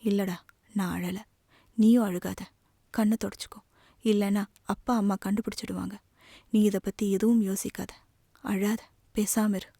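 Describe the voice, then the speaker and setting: A woman voicing a heartbroken young man who gently soothes his younger sister in a subdued way. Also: medium pitch, steady tone, moderate pace, long pauses, dry recording, clean studio sound, close to an everyday voice. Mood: soothing, subdued.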